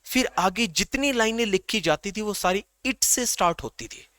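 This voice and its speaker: A man's voice: high-pitched, expressive, moderate pace, bright, forceful tone, no room sound, studio quality. A man teaching English grammar in a lecture, who keeps asking the class questions and answering them himself.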